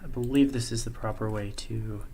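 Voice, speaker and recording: A man presenting a coding tutorial, thinking aloud in a relaxed way as he walks through code on screen. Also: mid-range voice, fairly quick, slight background noise. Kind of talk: screen-share coding walkthrough.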